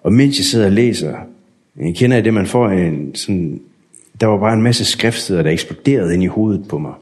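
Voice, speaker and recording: A man telling his personal story in a candid, unhurried way, acting out remembered conversations. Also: on the low side, animated, darkish tone. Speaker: guest sharing a testimony.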